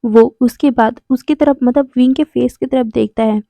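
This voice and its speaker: A woman's voice: on the high side, fairly even intonation, moderate pace, vocal fry, dark tone, no echo. A woman casually retelling a fan fiction story, chatty, with fillers and self-corrections. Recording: dull lo-fi, dry sound.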